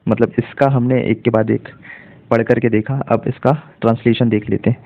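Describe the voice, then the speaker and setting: A man's voice: medium pitch, little pitch movement. A man teaching English reading in Hindi, spelling each word letter by letter and then explaining its meaning. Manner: spells words letter by letter, then translates slowly. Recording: tinny phone-like audio.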